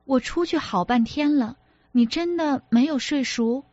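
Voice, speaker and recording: A woman's voice: high-pitched, unhurried, a little mellow, dry recording, lo-fi sound, pitched above the performer's own voice. A woman reader voicing an apologetic, exasperated young husband who pleads and defends himself, as an audiobook character. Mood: placating.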